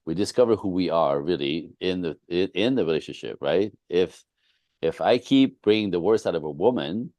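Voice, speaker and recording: A man with a very low voice talks candidly about relationships, telling self-deprecating stories in an easy, conversational way. The sound is close and dry, with no room around it. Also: lively intonation, normal speed, a little mellow, no echo. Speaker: relationship coach and co-host. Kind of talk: casual podcast conversation.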